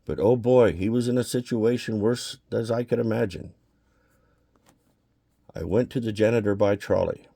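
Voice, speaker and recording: Man reading a comic aloud, low gravelly voice, old-guy broken english. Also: dark tone, no room sound, studio quality. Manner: measured storytelling in an old man's broken English. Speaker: reader. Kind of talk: reading a graphic novel aloud.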